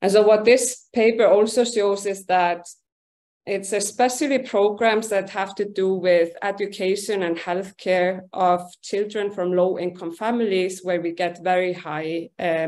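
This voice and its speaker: A woman's voice: lowish voice, steady tone, darkish tone. Middle-aged woman giving a research talk on a video call, lots of ums and restarts. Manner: measured, explanatory, frequent ums and repeated words. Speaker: university researcher presenting. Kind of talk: online conference presentation. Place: home or office room on video call. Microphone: video call webcam.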